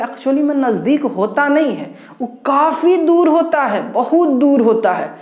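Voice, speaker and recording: A woman teacher delivers an online exam-prep lesson at an unhurried, deliberate pace. She drills each point over and over, throwing rhetorical questions at her students and answering them herself. Her voice rings in a noticeably echoey room. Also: mid-range voice.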